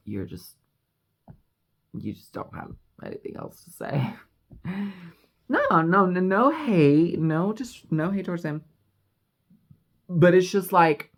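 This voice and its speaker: A vlogger talking casually and reflectively into the camera, rambling and confessional, full of "like" and "you know.". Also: mid-range voice. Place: house in Mexico.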